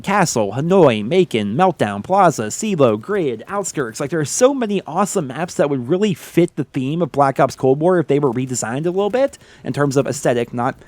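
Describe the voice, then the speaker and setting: This is a man hosting a gaming YouTube chat while fighting a head cold, his nose stuffed up. He answers viewers candidly with strong opinions, dropping "like" and "man" often. His voice runs a little high and a bit mellow, with no echo.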